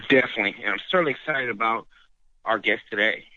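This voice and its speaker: A man's voice: fairly low pitch, fast talker, sharp tone, no room sound. A man co-hosting an interview show, speaking with enthusiasm. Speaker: co-host. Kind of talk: casual interview chat. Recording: dull lo-fi sound.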